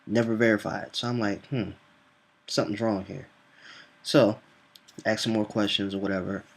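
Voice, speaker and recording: A young man with a lowish voice tells a rambling work story in casual, profane slang. He acts out each side of the conversation and pushes his voice sharply higher when he gets worked up. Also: steady tone, moderate pace, gravelly. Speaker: vlogger telling a work story.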